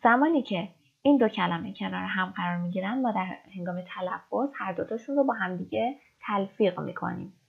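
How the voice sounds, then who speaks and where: A woman teaching English in a recorded lesson, explaining step by step and reading example sentences slowly. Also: mid-range voice, vocal fry, husky. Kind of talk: recorded online language lesson. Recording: dull lo-fi recording.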